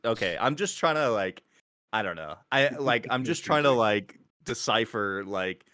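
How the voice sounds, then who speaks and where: Male podcast guest, mid-pitched voice, dry mic, hesitant and questioning. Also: expressive, measured pace, sharp tone, no room sound. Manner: hesitant, questioning, many fillers. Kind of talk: casual chat.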